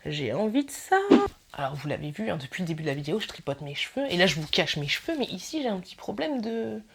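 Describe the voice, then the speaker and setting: A woman's voice: fairly low pitch, big pitch swings, fast, vocal fry, slight background noise. A woman YouTuber talking through her wishlist in a casual vlog, chatty and playful, rambling with filler asides.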